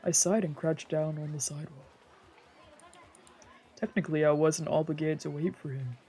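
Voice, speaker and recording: This is let's-play narration: a streamer reads a visual novel aloud with drama, improvised character voices, and casual asides, while game music plays faintly. The medium-pitched voice stays steady, mellow and a touch breathy, at a normal speed.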